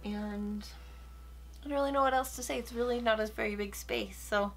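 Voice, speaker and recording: A woman's voice: on the high side, moderate pace, vocal fry. A young woman casually chatting as she walks through her small home filming room, a little out of breath and rambling. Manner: chatty, rambling, self-deprecating. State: slightly out of breath. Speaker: beauty vlogger. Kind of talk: casual tour narration.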